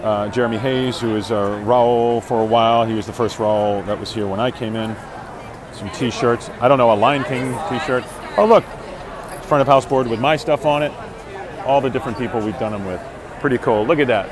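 A man's voice: mid-range voice, steady tone, normal speed. A man in his forties, an actor, chatting casually to viewers on a live phone stream as he walks a street fair, upbeat and full of fillers. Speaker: Broadway actor vlogging live. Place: crowded city street outdoors. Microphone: earbud headset mic on phone held at arm's length. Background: street crowd.

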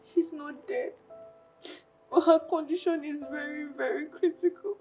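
A distraught young Nigerian woman in a film drama, her high voice mellow and soft-edged as she pleads through tears. Faint music lies under her lines. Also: steady tone, a little slow, poor audio. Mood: worried. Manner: tearful, pleading. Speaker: daughter of a sick mother. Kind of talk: Nollywood film acting. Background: faint background music.

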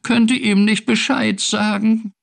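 A frightened little kitten squeaks and stammers through a storybook game. The voice sits very high, swoops around, and has a gravelly edge underneath. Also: male voice, sing-song, a little slow, heavily acted. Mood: scared.

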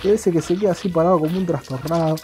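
A man's voice: fairly high pitch, rapid-fire, a little mellow, soft background music. A young man with an Argentine accent giving joking, slangy commentary while playing a video game. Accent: Argentine Spanish. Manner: joking, crude slang banter. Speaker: gaming YouTuber. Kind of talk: gameplay commentary.

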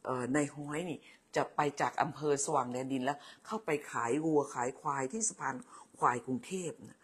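An older woman with a low, husky voice hosts a casual livestream. She chats in a motherly way, calls her viewers "child," and thanks them by name.

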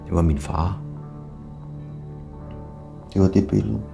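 Gravelly deep-voiced man telling his story. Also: steady tone. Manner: slow, blunt and confessional, with bursts of swearing. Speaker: storyteller of his own life. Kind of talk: personal testimony narration. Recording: music playing behind.

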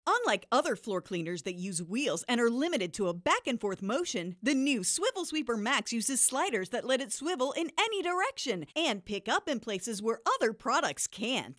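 High-pitched woman, hard-sell infomercial announcer. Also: fairly bright tone, no room sound, studio quality. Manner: emphatic, punchy salesmanship.

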